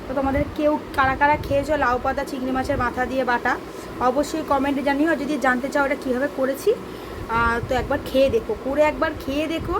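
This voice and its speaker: A woman's voice: sits high, steady tone, fast talker, background noise. A young woman, chatting to viewers at home in a casual vlog and scolding her child. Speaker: vlogger. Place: home, indoors.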